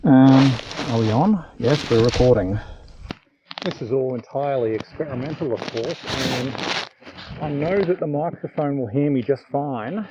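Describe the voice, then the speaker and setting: A man chatting casually and haltingly as he rides a motorbike, recorded on a lav mic inside his helmet with wind on the mic. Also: medium pitch. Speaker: motovlogger. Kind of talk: casual rambling vlog while riding a motorbike. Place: outdoors, riding a motorbike on gravel road. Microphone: lav mic with deadcat inside helmet cheek pad. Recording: dull lav mic, loud engine and wind noise. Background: loud motorbike and wind noise.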